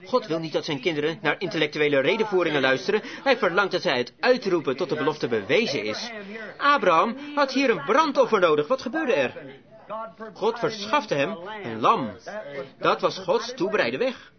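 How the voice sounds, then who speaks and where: A man's voice: a little high, big pitch swings, normal speed, a crowd in the background. A man preaching a sermon with fervent, emphatic exhortations. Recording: dull lo-fi recording with congregation audible.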